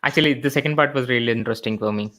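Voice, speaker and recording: Non-native English-speaking male interviewer, mid-pitched. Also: racing, fairly bright tone. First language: not a native English speaker. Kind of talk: casual interview.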